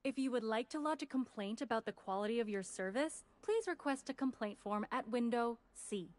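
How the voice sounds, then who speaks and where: A woman's voice: a little high, expressive, fairly quick, natural voice. An actress voicing a stiffly polite female parcel service clerk who sounds robotic.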